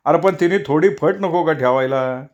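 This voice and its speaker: A man's voice: fairly high pitch, normal speed, darkish tone, highs cut off, voice pushed up, natural voice. A man voicing an aggrieved, grumbling older village man who keeps donkeys, in a storybook reading. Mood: complaining. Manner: complaining, aggrieved.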